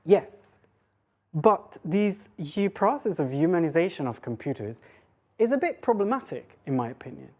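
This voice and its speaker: A woman with a low-pitched, slightly mellow, sing-song voice gives an informal, conversational academic lecture at normal speed. She's hesitant, interrupts herself, and thinks aloud through rhetorical questions.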